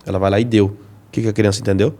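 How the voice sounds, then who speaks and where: A man's voice: fairly low pitch, level tone, rapid-fire, dark tone. A man explaining dog training as a podcast guest, teaching with everyday examples and rhetorical questions.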